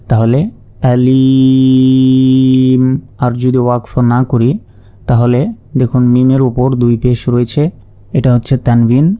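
A man with a Bangladeshi Bengali accent teaches Quran recitation, spelling out each word letter by letter. He works slowly and methodically, his voice medium-pitched and mellow.

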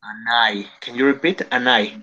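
A man's voice: mid-range voice, fairly even intonation, a little slow, pushed and bright, highs cut off. Patient man teaching an English class. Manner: encouraging, corrects pronunciation patiently.

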